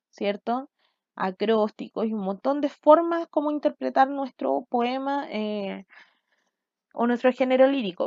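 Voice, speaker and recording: A woman's voice: a little high, a little mellow, no echo, highs cut off. Woman teacher explaining patiently. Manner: patient, explanatory, checks in with "¿cierto?" and "¿ya?". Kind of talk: recorded online class.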